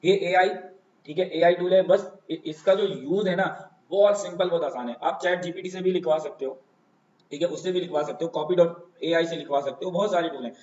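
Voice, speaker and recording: A man's voice: on the high side, brisk, darkish tone, a little hiss or hum. A man giving a casual screen-share tutorial on social media marketing, talking conversationally and often checking in with his listeners. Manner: conversational, keeps saying "theek hai". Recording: roomy, dull lo-fi home recording.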